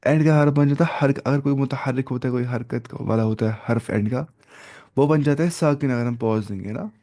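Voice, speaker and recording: A man explains recitation rules to his students. His dark, gravelly voice sits at an ordinary pitch. He comes back to each point more than once and mixes in the odd English word. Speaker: Quran recitation teacher. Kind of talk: explanatory lesson.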